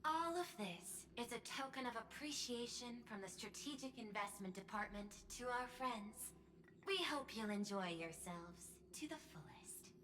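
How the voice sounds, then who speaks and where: A silky corporate CEO. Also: female voice, fairly high pitch, animated, moderate pace, a bit bright. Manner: polished, formal, faintly menacing. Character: poised woman corporate CEO, smooth and calculating. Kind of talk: video game voice acting.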